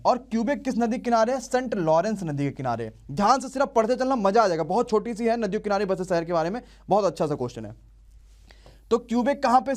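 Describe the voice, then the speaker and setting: Young guy teaching exam prep online, fairly high voice, keeps firing questions and repeating answers. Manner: energetic call-and-response drilling, quizzing students. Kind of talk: live online class.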